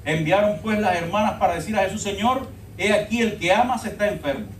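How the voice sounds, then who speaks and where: A man's voice: high voice, brisk, slight background noise. A man preaching a sermon as pastor, telling the story dramatically and calling the congregation brothers. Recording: echoey church from far off.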